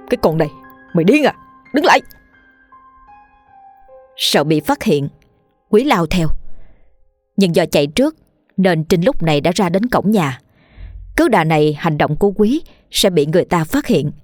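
Low-voiced woman reading a horror story. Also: dry recording, faint music behind. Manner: steady, measured reading. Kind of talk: scripted horror story narration.

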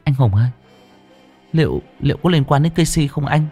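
A man's voice: a little high, animated, normal speed, mellow, breathy edge, soft background music, pitched above the performer's own voice. A man doing a nervous, stammering neighbor woman. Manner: hesitant, stammering. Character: nervous woman nail salon owner.

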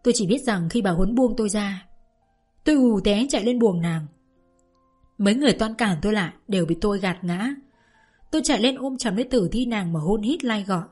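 A woman narrating a novel aloud in the first person, with an emotional, expressive delivery. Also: medium pitch, fairly quick, husky, faint music behind. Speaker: audiobook narrator. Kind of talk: dramatic reading of a novel.

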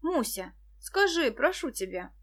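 A woman reading the part of an excitable teenage boy in an audiobook. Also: high-pitched, a little slow. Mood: eager.

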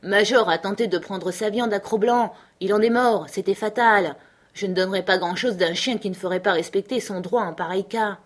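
A woman's voice: medium pitch, normal speed, lightly acted. A woman reading the lines of a blunt, stubborn male frontier dog handler in an audiobook, in a plain, matter-of-fact manner.

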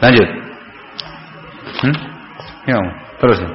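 A man giving a religious study lesson, reciting Arabic and explaining in lively lecture style, acting out short dialogues. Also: mid-range voice, takes it slowly. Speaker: Islamic teacher. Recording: roomy hall, dull lo-fi sound.

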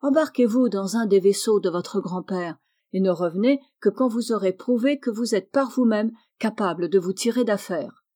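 A woman's voice: medium pitch, moderate pace, warm tone, natural voice. A woman voicing a bold, ambitious teenage girl with a spirited, eager manner, read from a storybook.

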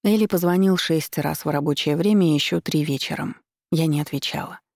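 Brief: woman narrator for a first-person novel, even and measured, a touch of vocal fry. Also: low voice, dry recording, clean studio sound. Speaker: audiobook narrator.

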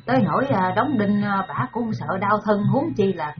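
A woman's voice: mid-range voice, animated, normal speed, natural voice. A woman voicing a young countrywoman with a bossy, exclaiming manner. Muffled sound with music behind. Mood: scolding. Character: young countrywoman, lively and scolding.

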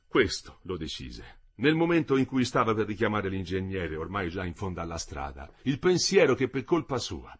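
A man reading a literary novel aloud with an expressive, dramatic delivery. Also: medium pitch, husky. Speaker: audiobook reader.

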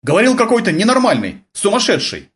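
A man doing a shrill, flustered army sergeant. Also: wildly swooping pitch, a little fast, fairly bright tone, heavily acted. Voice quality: shrill, blurting, agitated. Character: flustered young male army sergeant, excitable. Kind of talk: audiobook character voice.

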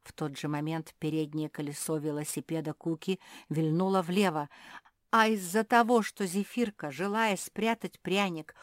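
A woman narrates a children's tale with expressive, lively reading. Her voice sits fairly low for a woman. The recording is dry and close, with no room sound. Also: no echo. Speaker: audiobook narrator.

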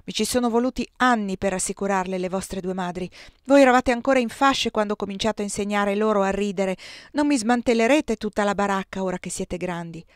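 A woman reading aloud, voicing a calm, wry older family friend who teases gently. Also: mid-range voice, fairly quick, no room sound, studio quality, close to an everyday voice.

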